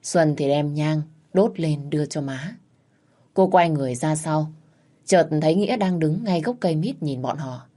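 A woman narrating a dramatic family story in a steady, measured way. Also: sits low.

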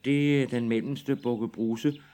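A man's voice: medium pitch, steady tone, warm tone, pitched above the performer's own voice, close to an everyday voice. Middle billy goat, nervous and eager, kids' tale; man voices it.

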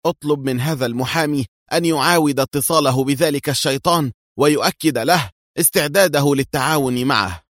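A man's voice: medium pitch, fairly quick, a bit bright, no room sound, clean studio sound, voice pushed up, natural voice. A man voicing a ruthless, scheming female crime boss who barks orders in anger. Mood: commanding. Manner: commanding, furious.

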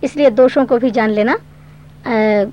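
A woman teaching a Sanskrit grammar lesson, explaining patiently step by step and reciting verse slowly. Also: fairly high pitch, slight background noise. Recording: dull lo-fi recording.

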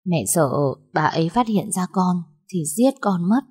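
A woman's voice: on the low side, expressive, moderate pace, darkish tone, breathy edge. A woman voicing an anxious, protective elderly mother who pleads with her daughter. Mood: worried.

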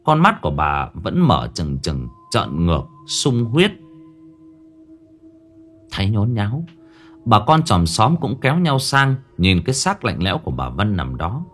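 A man's voice: lowish voice, very animated, unhurried, a bit bright. A man narrating a horror story with dramatic expression. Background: faint music.

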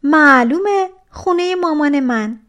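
A woman voicing a rude, spoiled girl in a storybook tale, who answers loudly and cockily. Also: expressive. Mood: cocky. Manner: loud, cocky, high-pitched.

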